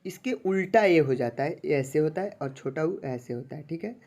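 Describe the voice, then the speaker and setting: Online lesson teacher, patient, repetitive, slow drawn-out syllables, middle pitch, often checks understanding. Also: animated, a little mellow. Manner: sounds out syllables slowly and drawn out; addresses viewers as friends. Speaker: Hindi teacher.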